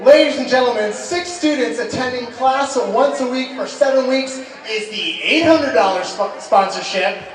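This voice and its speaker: A man's voice: very high-pitched, normal speed, hardly any pauses. A man hosting an informal live fundraising appeal, playfully ad-libbing as he asks for pledges. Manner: jokey, playful ad-libbing with the crowd. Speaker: fundraising host asking for scholarship pledges. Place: large hall with an audience. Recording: very echoey hall, distant, faint crowd.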